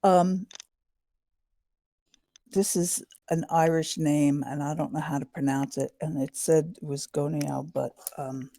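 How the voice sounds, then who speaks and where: A woman's voice: sits low, fairly even intonation, measured pace, gravelly, mellow, no room sound. A woman chatting casually as a tabletop game player, in short, clipped remarks.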